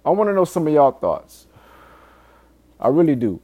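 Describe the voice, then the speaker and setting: A man's voice: fairly high pitch, very animated, normal speed, husky, phone-quality sound. A man speaking casually and candidly in a solo podcast monologue, swearing often and earnestly pleading with listeners in urgent warnings. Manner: informal, frequent swearing. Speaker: podcast host.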